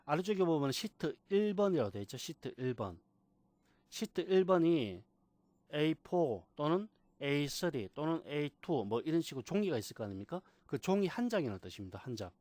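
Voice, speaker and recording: A man teaching a software class, patiently repeating key terms and asking rhetorical questions. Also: a little high, very animated, a little fast, no room sound. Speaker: computer instructor. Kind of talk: screen-recorded software tutorial.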